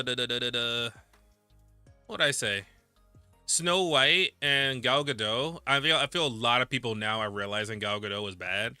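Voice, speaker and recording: A man's voice: mid-range voice, sharp tone, no room sound. A young man streaming a game, rambling casually and reading the game's narration aloud. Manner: rambling, laid-back, reads narration aloud.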